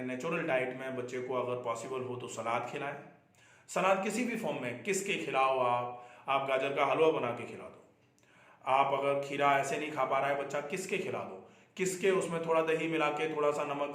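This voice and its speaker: A man's voice: medium pitch, fairly bright tone. A middle-aged man, a doctor, giving health advice in an earnest explanatory talk, repeating points for emphasis. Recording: echoey room.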